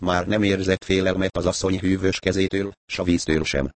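A man narrating a story as an audiobook reader, in a measured, even manner. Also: low voice. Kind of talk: audiobook reading.

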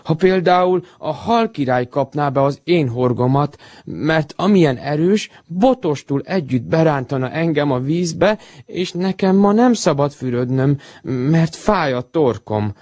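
A man voicing a timid, earnest little male cub in a storybook reading, speaking in a soft, plaintive way. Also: on the high side, animated, no echo, lightly acted. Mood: worried.

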